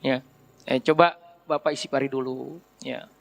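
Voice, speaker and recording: A man's voice: mid-range voice, normal speed, vocal fry. A middle-aged man preaching a casual sermon, often asking his listeners questions. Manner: lively, asks the audience questions.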